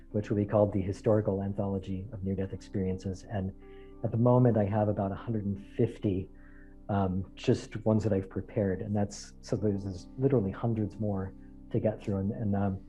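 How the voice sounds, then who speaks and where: A man presenting research and answering questions at an online forum, hesitant with frequent pauses. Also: fairly low pitch, flat delivery, mellow, soft background music, poor audio. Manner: hesitant, many fillers and restarts.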